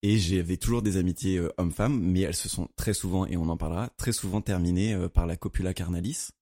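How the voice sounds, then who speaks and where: A man's voice: sits low, steady tone, quick pace, dark tone. A man co-hosting a podcast in casual, conversational talk. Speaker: podcast co-host. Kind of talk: casual chat.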